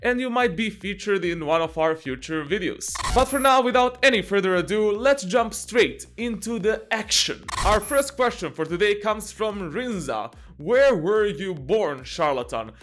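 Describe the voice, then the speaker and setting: High-voiced joking young man. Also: animated, normal speed, hardly any pauses, a bit bright, a little hiss or hum. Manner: jokey, laughs often, many fillers and restarts. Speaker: channel host and game coach. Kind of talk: casual Q&A vlog.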